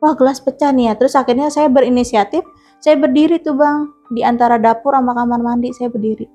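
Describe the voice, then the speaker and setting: A woman tells a spooky story with lively energy. Her voice sits a little high. She slips into the people she quotes as she talks. Faint music plays behind her. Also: quick pace. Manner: animated, vivid retelling with acted-out quotes. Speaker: guest storyteller. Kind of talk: casual spoken ghost story.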